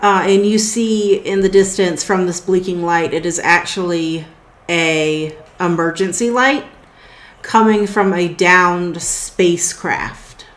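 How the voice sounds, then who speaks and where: A woman narrating as game master in a tabletop game, talking casually with many fillers and pauses. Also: fairly low pitch, fairly even intonation, echoey room.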